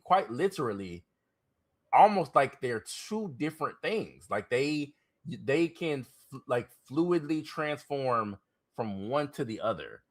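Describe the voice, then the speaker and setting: A man co-hosting a podcast, chatting casually and animatedly, often repeating himself and laughing. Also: medium pitch. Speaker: podcast co-host. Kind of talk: casual chat.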